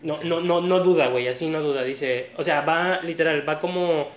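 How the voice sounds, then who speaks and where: A man from northern Mexico tells a story in a casual chat, his voice on the high side and his pace normal. He's relaxed and slangy, with plenty of fillers, and the recording sounds echoey and a bit dull.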